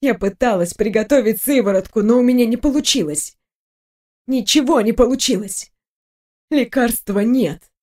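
A woman reading an audiobook, voicing a quiet, guarded young woman scientist. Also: fairly high pitch, lively intonation, moderate pace. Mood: strained. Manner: quiet, pleading.

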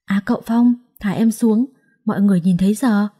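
A woman's voice: mid-range voice, brisk, mellow, breathy edge, lightly acted. Storybook casting: a shy young wife who stands her ground, read by a woman narrator. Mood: firm.

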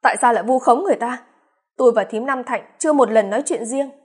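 A man's voice: very high-pitched, quick pace, husky. A woman reading the part of a bitter, blunt man. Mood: indignant. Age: 50s. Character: aging man, bitter, resolute about divorce.

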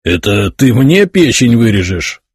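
A man's voice: medium pitch, sing-song, slow pace, darkish tone, husky, no echo, studio quality, voice pushed up, full character voice. A man voicing a crude soldier who jeers coarsely. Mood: jeering. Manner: jeering, coarse.

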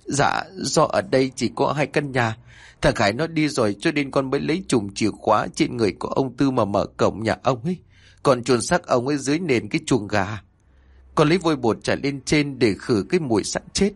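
A man's voice: medium pitch, expressive, fairly quick, slightly rough, no echo. A man voicing a terrified young wife who stammers and pleads through tears in a horror story. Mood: tearful confessing. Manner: sobbing, stammering pleas.

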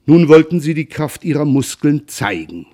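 A man giving a measured, expressive reading of a classic novel. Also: a little high. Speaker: reader. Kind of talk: literary reading.

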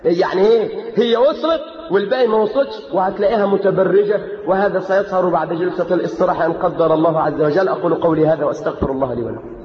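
A man with an Egyptian Arabic accent preaching a sermon in a mosque, fiery and mocking, rising to shouts. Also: high voice, racing. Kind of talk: Friday sermon. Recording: echoey hall, muffled lo-fi tape.

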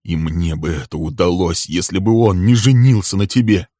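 Man voicing a cold, calm hero. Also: deep voice, normal speed, no room sound, clean studio sound. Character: cool, steady man with a dark secret.

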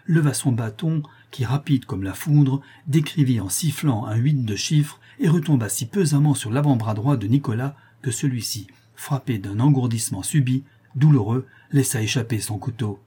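A man narrates a classic novel as an audiobook in a steady, expressive way. His voice is mellow and dark, with a husky grain. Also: mid-range voice, normal speed.

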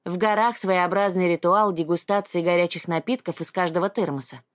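A woman narrating an audiobook in a calm, even storytelling manner. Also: on the low side, fairly quick, no room sound.

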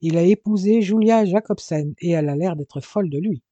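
A man's voice: sits high, fairly quick, dark tone, dry recording, muffled recording, voice pushed up. A man voicing a seething, scheming adventurer. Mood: urgent. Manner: urgent, growling.

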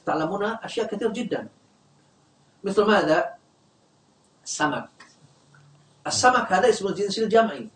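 A man's voice: high voice, expressive, brisk, pauses often. Distant, echoey male grammar teacher. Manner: quizzes the class, leaves words unfinished for students to complete. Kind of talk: classroom grammar lesson. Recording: echoey room, distant mic.

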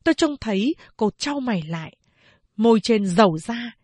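A woman narrating a novel as an audiobook in a lively, expressive reading style, close to the mic. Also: fairly high pitch, moderate pace, no room sound. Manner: lively, acts out scenes as she reads.

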